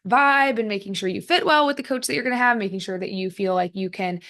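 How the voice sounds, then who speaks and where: A woman's voice: medium pitch, fast, fairly bright tone. A young woman hosting her own podcast, talking casually and animatedly with lots of fillers, from her home office. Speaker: podcast host. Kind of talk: casual solo podcast talk. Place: home office with a fan running.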